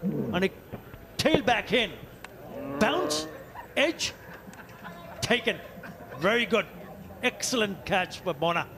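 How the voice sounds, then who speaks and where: A man's voice: high voice, very animated, takes it slowly, long pauses, noisy background. A man commentating live cricket, describing how each ball moved and took the wicket. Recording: loud music behind.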